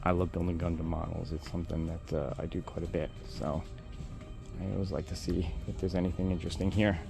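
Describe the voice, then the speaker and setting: A man's voice: low voice, flat delivery, fairly quick, gravelly, over music. A man narrating a casual walk-and-talk vlog in an informal, chatty way, speaking to his viewers. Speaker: vlogger. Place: out and about in busy city streets and venues. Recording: noisy urban ambience with traffic.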